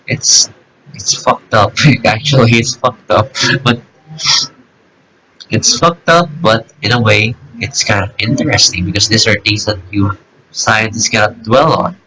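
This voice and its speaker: A man's voice: lowish voice, unhurried, sharp tone, a little hiss or hum, rough recording. A young man around twenty chatting alone to his camera, rambling and joking at his own expense, swearing freely. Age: 20s. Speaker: YouTuber reacting to videos. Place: alone in a room.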